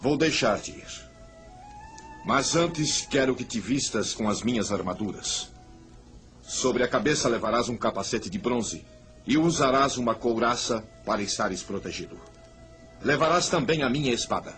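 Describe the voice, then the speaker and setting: A man's voice: mid-range voice, expressive, normal speed, over music, close to an everyday voice. An actor playing an anxious, commanding older king in a radio play, solemn and theatrical. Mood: resigned, commanding. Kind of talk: dramatized radio play acting.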